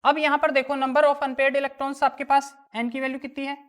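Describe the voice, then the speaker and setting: Working through exam problems in a chemistry classroom, an Indian woman asks her students questions and supplies the answers herself. Her delivery is high-pitched, flat, and a little fast.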